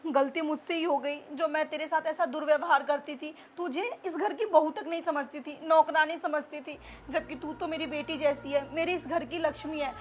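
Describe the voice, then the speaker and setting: Woman acting a bossy mother-in-law, high voice, family melodrama. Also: fairly even intonation, normal speed, slight background noise, close to an everyday voice. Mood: gentle, remorseful. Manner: bossy, scolding, then pleading. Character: harsh scolding middle-aged mother-in-law, softening.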